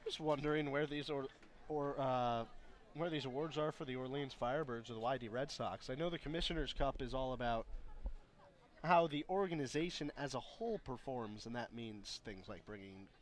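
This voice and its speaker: A man offers analysis during a live baseball broadcast. His pitch is average, and his delivery is conversational and a bit halting, as if working out each thought. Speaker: baseball color commentator. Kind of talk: conversational live sports commentary.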